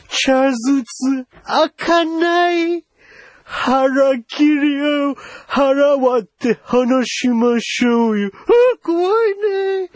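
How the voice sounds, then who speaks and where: Man playing an older foreign envoy, pushy, teasing, high lively voice, slow drawl, dry sound. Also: no room sound, heavily acted. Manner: teasing, wheedling, mixes English phrases into broken Japanese. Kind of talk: solo comedy sketch.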